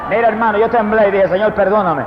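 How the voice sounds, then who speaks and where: A man with a high voice preaches a fervent testimony sermon. He swings between quiet, intimate telling and loud proclaiming. The old recording sounds dull and lo-fi, with long echo from a large hall. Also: quick pace, a crowd in the background, noisy background. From Puerto Rico. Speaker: evangelist preacher.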